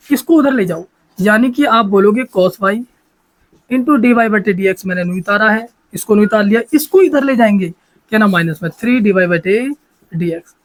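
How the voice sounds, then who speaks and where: A man's voice: high voice, a bit bright, rough recording. A man teaching a maths lesson, talking in a repetitive, coaxing way and often checking that students follow.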